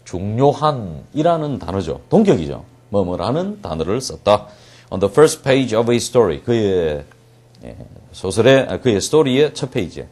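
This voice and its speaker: A man gives an English reading lecture, his voice moving through a wide, lively pitch range. He reads the English text slowly and deliberately, then explains it briskly. He keeps asking questions and answering them himself. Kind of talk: classroom lecture.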